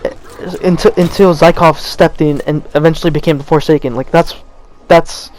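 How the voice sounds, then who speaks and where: In an unplanned gameplay rant, a young gaming channel host feeling the cold stutters and starts over again and again. His slightly high, somewhat mellow voice holds a steady tone at a moderate pace. A little hiss or hum sits in the recording.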